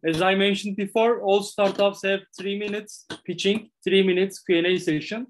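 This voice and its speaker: A man moderating a pitch event as its host. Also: level tone, normal speed. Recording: faint background noise.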